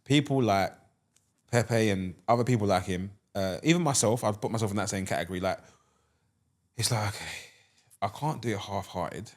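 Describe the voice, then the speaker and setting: A man's voice: fairly low pitch, moderate pace. A man, hosting a casual podcast interview, asking questions and reacting with laughs. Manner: animated, laughs, sometimes shouts in excitement. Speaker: podcast host.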